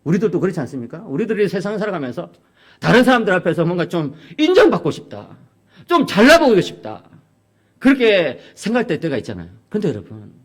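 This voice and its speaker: A man's voice: high voice, fast. A middle-aged man, preaching a sermon and telling stories with acted-out dialogue. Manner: animated storytelling, acts out quoted voices.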